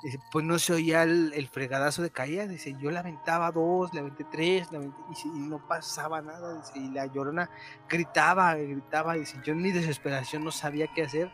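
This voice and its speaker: Mexican guy telling a story, kinda high voice, slangy and animated, music going in the back. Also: brisk. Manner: animated, slangy, mimics shouts while telling a tale. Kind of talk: casual storytelling chat.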